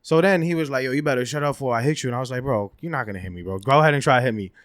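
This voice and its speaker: A man's voice: medium pitch, very fast, no room sound, studio quality. A man co-hosting a podcast, telling a rambling story in casual chat and leaning on "bro" and "right". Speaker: podcast co-host.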